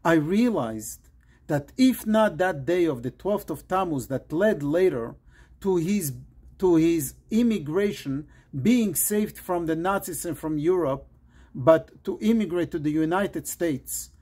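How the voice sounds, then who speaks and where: A man from Morocco, a rabbi, giving an earnest pre-Shabbat sermon in short, measured phrases. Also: a little high, expressive, dark tone, breathy edge.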